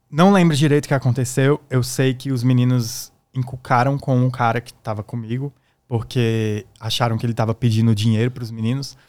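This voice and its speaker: A man's voice: mid-range voice, a little mellow. Man, podcast guest, casual storytelling, plays out every voice. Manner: acts out the voices in his stories. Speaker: guest musician.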